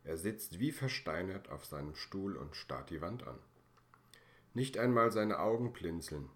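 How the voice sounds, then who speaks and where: A man reading a children's story aloud, calm and measured with gentle expression. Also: low-pitched.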